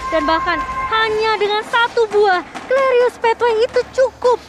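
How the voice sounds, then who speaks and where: A woman with an Indonesian accent giving excited game commentary in a colloquial, exclamatory way. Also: very high voice, measured pace, slight background noise. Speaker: esports match co-caster.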